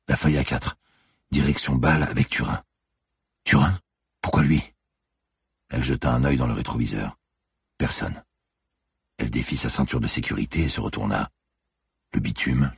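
A man narrating a suspense audiobook in a measured, dark reading. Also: a bass voice, gravelly, breathy edge, no echo, studio quality.

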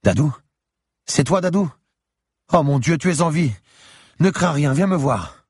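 A man's voice: deep voice, moderate pace, vocal fry, breathy edge, dry recording, voice pushed up, exaggerated voice. A man voicing a tearful, mystical old woman neighbor who pleads urgently in a raised voice. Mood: overjoyed.

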